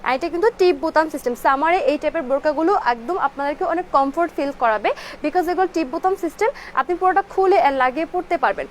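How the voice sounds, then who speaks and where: Fasting and a little dry in the throat, a woman from Bangladesh hosts a live clothing sale, dropping in English words as she repeats item codes and prices. Her pitch sits high with lively intonation, over slight background noise.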